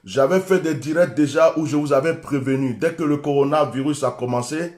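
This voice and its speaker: A man's voice: a little high, a little fast, darkish tone, echoey room. A man with an Ivorian French accent, a preacher giving an urgent, repetitive livestream address. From Côte d'Ivoire. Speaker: preacher hosting a live stream.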